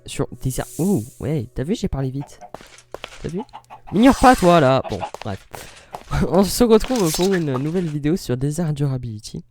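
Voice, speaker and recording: A man's voice: fairly high pitch, expressive, moderate pace, a little mellow, soft background music. A man hosting a casual let's-play, rambling in self-interrupting, jokey asides as he comments on his game. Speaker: gaming channel host.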